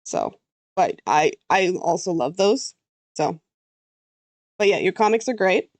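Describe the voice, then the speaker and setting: A Canadian woman who streams as a VTuber artist chats casually while drawing on a livestream, thinking aloud and trailing off mid-sentence. Her voice is fairly low, expressive, and unhurried, with no room sound.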